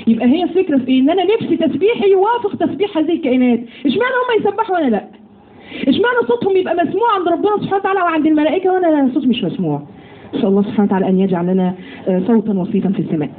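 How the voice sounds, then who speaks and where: A woman with an Egyptian accent giving a lively religious lesson to women, often putting questions to her listeners. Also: sits high, very fast. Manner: lively, asks the audience questions. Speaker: religious teacher. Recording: tinny phone-like audio with faint noise.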